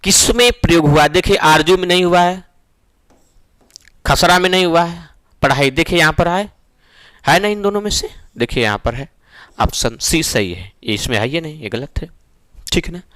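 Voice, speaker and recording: A man's voice: on the high side, moderate pace, pauses often, a bit bright, no echo. A man teaching a Hindi grammar lesson for exam preparation, explaining step by step and checking that students follow. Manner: explains step by step, often asks "ठीक है ना?".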